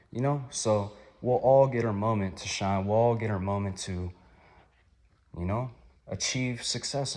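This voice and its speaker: A man in his twenties, somewhat hoarse, talking through a rambling, upbeat, reflective vlog. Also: lowish voice. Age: 20s. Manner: rambling, upbeat, gently motivational. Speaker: vlogger.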